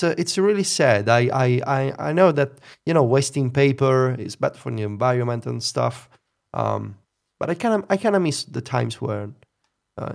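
Gravelly man musing wryly. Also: medium pitch. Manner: musing, opinionated, wry laughter. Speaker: podcast co-host. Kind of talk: casual chat.

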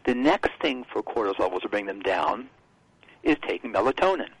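Brief: male radio guest, gravelly and a bit husky, dry close sound, explanatory. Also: fairly low pitch, animated, no room sound, low-quality recording. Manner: explanatory, halting with restarts. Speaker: health expert guest. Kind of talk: radio health talk.

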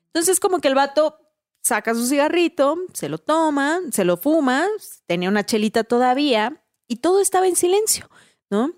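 A woman with a Mexican accent, telling a story in a casual, animated way, full of slang and tag questions. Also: high-pitched, moderate pace, no room sound, studio quality. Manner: animated, slangy, tags lines with "¿no?" and "güey".

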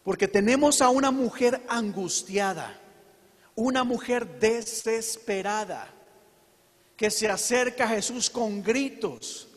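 A man preaching a sermon to his congregation, earnest and emphatic, with slow dramatic pauses. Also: high-pitched, long reverb tail. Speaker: pastor.

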